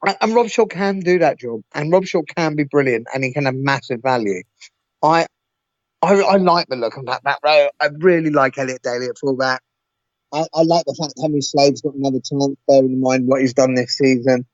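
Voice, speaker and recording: A man's voice: medium pitch, fairly quick, dry recording. A man co-hosts a podcast in a casual, emphatic way and stumbles over his opening words. The sound is dry and a little dull. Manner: emphatic, stammers at starts. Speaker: podcast co-host. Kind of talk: casual chat.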